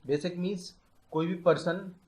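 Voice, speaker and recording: Man slowly explaining computer science. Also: high-pitched, fairly even intonation, a little mellow, rough recording. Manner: explains step by step, mixing English terms into Hindi, slows down to dictate definitions. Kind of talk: explaining a lecture.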